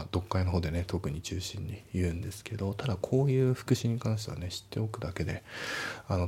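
Low gravelly man teaching English. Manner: relaxed, explains step by step, reads English lines slowly. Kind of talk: casual spoken lesson.

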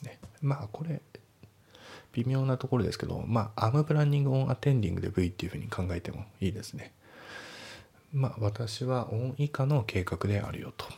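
A man's voice: medium pitch, animated, moderate pace, gravelly, dark tone, husky. A man teaching English for an exam, breaking sentences down step by step with casual asides. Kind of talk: spoken exam-prep lesson.

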